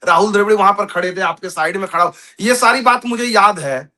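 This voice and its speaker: Indian man co-host, high bright voice, animated banter. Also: fairly quick. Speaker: cricket show co-host. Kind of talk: casual cricket chat.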